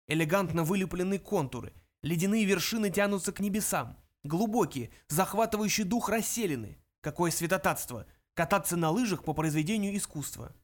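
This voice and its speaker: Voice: mid-range voice, expressive, fairly quick, few pauses, pitched above the performer's own voice, close to an everyday voice. A reader putting on an elderly planet-maker, courteous and proud of his craft. He talks politely and takes offence with theatrical flair. Audiobook character voice, a little raised. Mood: indignant. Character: old male planet designer, fussy artist.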